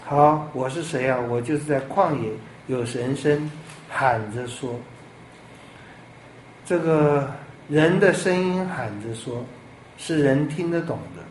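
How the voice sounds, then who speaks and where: A male pastor delivers an animated sermon, tossing out rhetorical questions. His voice sits a little high. It echoes around a reverberant room with faint background ambience. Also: takes it slowly, a little hiss or hum. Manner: animated, rhetorical questions, lively swings in loudness.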